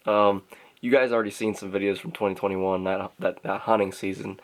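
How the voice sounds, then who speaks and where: A man's voice: sits low, steady tone, fairly quick. A man telling a story in a casual vlog, rambling with lots of filler words. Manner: rambling, many "um" and "pretty much". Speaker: hunting vlogger.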